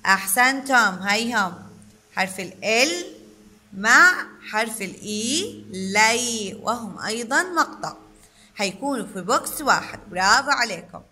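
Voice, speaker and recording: A woman's voice: on the high side, sharp tone. A woman teacher, sounding words out syllable by syllable for young children and praising them often. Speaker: kindergarten teacher. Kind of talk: online phonics lesson for young children.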